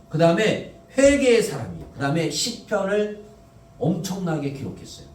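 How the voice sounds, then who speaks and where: A male pastor preaching a Sunday sermon in a conversational way, often asking the congregation questions and answering them himself. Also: sits high. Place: church sanctuary. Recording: echoey church, mic at a distance.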